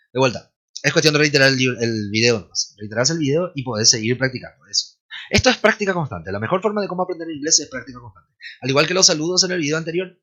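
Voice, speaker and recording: Male English teacher, bright, clear tone, patient explainer who repeats phrases slowly. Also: mid-range voice, lo-fi sound. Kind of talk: online lesson explanation.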